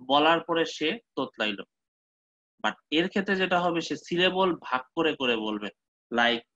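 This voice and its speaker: A man gives a medical lecture in a bright, forceful voice pitched a little high. He keeps stopping to check that his students follow and slips English terms into his explanations. The sound is dry and close, with a slightly dull tone. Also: no room sound. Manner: mixes English terms, checks in with listeners often.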